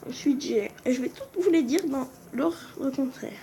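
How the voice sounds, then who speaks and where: Slow, hesitant woman reading off game cards. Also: high voice, lively intonation, dark tone, a little hiss or hum. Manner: hesitant, stumbles over and corrects names. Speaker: gaming video creator. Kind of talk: casual gameplay commentary. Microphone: phone screen recording.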